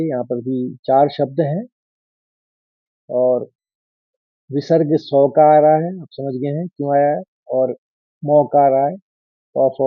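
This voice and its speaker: A man leads a recitation lesson, chanting scripture in a drawn-out, raised voice before he drops into quick, quiet explanations of each syllable. His voice sits fairly high and moves at an unhurried pace overall. The recording is dry and a little dull, with no room sound. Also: no echo. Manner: chants verses slowly and loudly, then explains pronunciation quickly and quietly. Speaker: Sanskrit recitation teacher.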